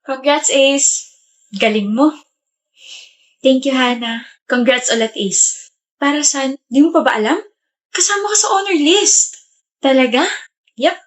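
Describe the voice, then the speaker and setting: A chatty schoolfriend, quick with the banter, as a woman acts her out. Her voice runs high. The lines come as scripted skit dialogue. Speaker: skit actor.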